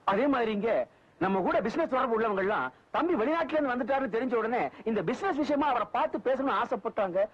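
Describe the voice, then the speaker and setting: A man's voice: very high-pitched, lively intonation, fast talker, husky, highs cut off, heavily acted. A man playing a sly, crafty henchman from an old film soundtrack.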